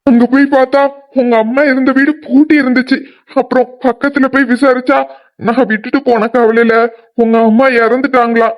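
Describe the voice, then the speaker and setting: In a cartoon drama, a voice actor plays a remorseful middle-aged father who laments and blames himself before turning angry. The voice is high with little pitch movement, fairly quick, and sounds natural.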